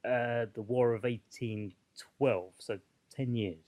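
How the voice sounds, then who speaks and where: A man's voice: mid-range voice, steady tone, takes it slowly, darkish tone. A man co-hosting a podcast in casual chat, joking, swearing and laughing often. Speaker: podcast co-host.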